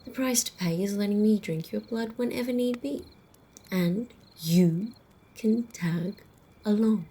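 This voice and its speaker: Sarcastic in mood, a woman with a husky, medium-pitched voice acts out an intimate, close-up ASMR roleplay as a haughty, sardonic female vampire. Her delivery is soft and slow, slipping often into whispers and carrying a teasing, condescending drawl.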